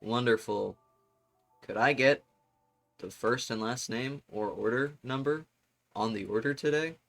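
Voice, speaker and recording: A man's voice: on the high side, very animated, moderate pace, pushed and bright, faint music behind, pitched above the performer's own voice. A man putting on a stilted, overly polite store clerk voice as he greets customers. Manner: stiff, awkward, exaggeratedly courteous.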